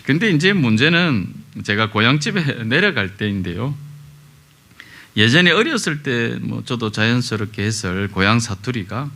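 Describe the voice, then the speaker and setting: Bright-voiced pastor man, chatty sermon. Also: medium pitch, lively intonation. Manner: conversational storytelling with many pauses and fillers. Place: church sanctuary.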